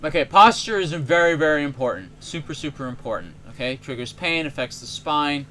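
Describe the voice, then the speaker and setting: A man's voice: on the high side, lively intonation, fairly quick, fairly bright tone, a little hiss or hum. A man who is a chiropractor giving an educational health talk in an earnest, emphatic, conversational way.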